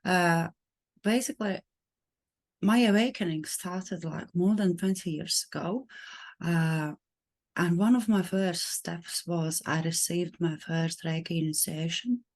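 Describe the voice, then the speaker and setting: A woman's voice: on the low side, fairly even intonation, darkish tone. Earnest Latvian-accented woman. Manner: earnest and searching, with pauses and restarts. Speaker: participant. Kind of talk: casual self-introduction on a video call.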